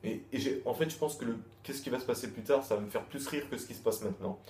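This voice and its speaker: A manga chapter reviewer speaks fast in a mid-range voice with a darkish tone. His casual review rambles and repeats, full of restarts and crude slang, and it was recorded in an echoey room with faint background noise.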